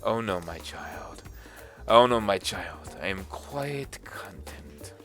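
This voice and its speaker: A man's voice: lowish voice, animated, slow, fairly bright tone, soft background music. A man voicing a sweet old Russian mother with a put-on Russian accent, doting on her daughter.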